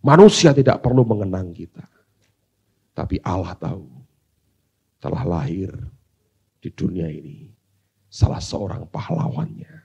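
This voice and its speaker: A male pastor preaching a sermon. He switches between hushed asides and loud, dramatic exclamations. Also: deep voice, vocal fry, slightly rough, highs cut off.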